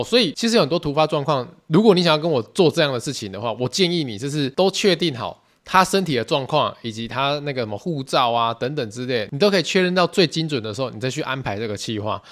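A man in his thirties with a Taiwanese Mandarin accent, hosting a solo podcast and telling stories in a chatty, animated way. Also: medium pitch. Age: 30s. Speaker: podcast host.

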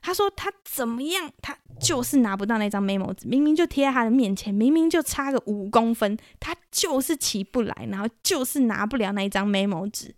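A woman from Taiwan with a Taiwanese Mandarin accent, hosting a solo podcast in an animated, chatty storytelling way. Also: a little high, brisk, hardly any pauses, no room sound, clean studio sound. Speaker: podcast host.

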